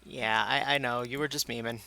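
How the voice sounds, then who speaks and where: A tired man streaming a game and chatting casually with his viewers, rambling and self-mocking. His medium voice has a gravelly fry and a bright, smooth edge. Faint game music plays underneath. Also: mid-range voice, fairly even intonation, fairly quick. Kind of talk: casual live-stream commentary.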